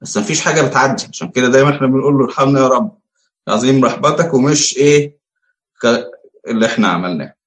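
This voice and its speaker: A man with an Egyptian Arabic accent preaching a conversational sermon, asking rhetorical questions and pausing on fillers. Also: mid-range voice. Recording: echoey room.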